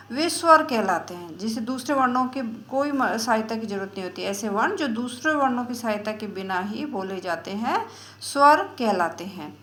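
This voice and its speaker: A woman teaching a lesson, explaining step by step in a slow, patient way and drawing out example sounds. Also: a little high, fairly bright tone, reverberant. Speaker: Sanskrit teacher.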